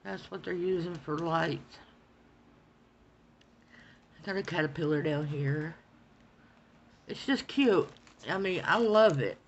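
A woman's voice: fairly low pitch, slow, pauses often, muffled recording, a little hiss or hum. A woman chatting casually about art supplies on her channel, rambling and stammering as she repeats herself. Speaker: coloring channel host. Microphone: phone.

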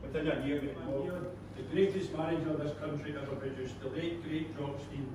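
A man's voice: on the high side, fairly even intonation, moderate pace. An older man with a Scottish accent, a tour guide chatting and joking with a group in a large trophy room. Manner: chatty, jokey, addresses a group. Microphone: visitor's camera from a distance. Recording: echoey room, distant, with crowd noise.

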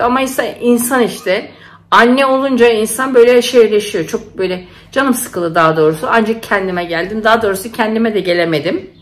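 A middle-aged woman, a nurse and mother, chatting casually to camera at home and telling stories with feeling and lots of fillers. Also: medium pitch. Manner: chatty, emotional storytelling with many fillers.

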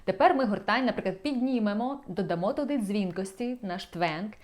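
A woman's voice: mid-range voice, animated, fairly quick, darkish tone. A young woman with a Ukrainian accent, a vocal coach explaining voice placement and asking her viewers rhetorical questions. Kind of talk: vocal lesson with sung demonstrations.

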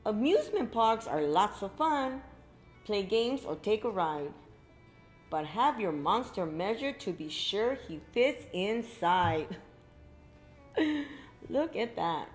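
In an indoor library room lined with bookshelves, a middle-aged librarian reads a picture book aloud to young children at story time. She goes slowly, her pitch rising and falling in lively, expressive arcs, and exclaims asides to her listeners while faint music plays.

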